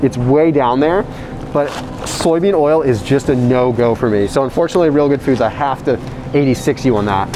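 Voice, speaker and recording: A man talking through a face mask, casually reviewing frozen food in a supermarket aisle, animated and quick with asides. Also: medium pitch. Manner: animated, reads out ingredient lists with quick asides. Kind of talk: casual walkthrough vlog. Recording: noisy store background.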